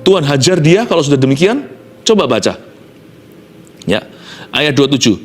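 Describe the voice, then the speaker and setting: A man preaching a sermon with a fairly high voice, swinging between emphatic, rising lines and quiet, tearful-sounding pleas. He drops English phrases into his preaching. Soft music plays faintly underneath. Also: big pitch swings, moderate pace. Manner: dramatic preaching, acting out quotes with sudden drops to soft pleading. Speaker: pastor.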